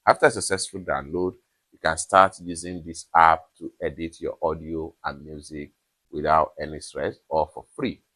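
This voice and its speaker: A man with a very low, deep voice talks through a phone app tutorial. He goes step by step and keeps coming back to the same stock instructional phrases. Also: level tone, moderate pace, pushed and bright. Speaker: tutorial presenter. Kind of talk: screen-recorded app tutorial.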